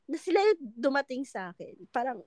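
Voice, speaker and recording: A woman in casual chat, talking in an animated way and laughing often. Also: high voice, a little fast, no echo. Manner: animated, laughing, Taglish chatter.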